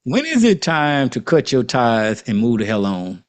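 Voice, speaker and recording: A man's voice: medium pitch, sing-song, moderate pace. A man with an Arkansas accent, chatting casually as the host of a panel talk.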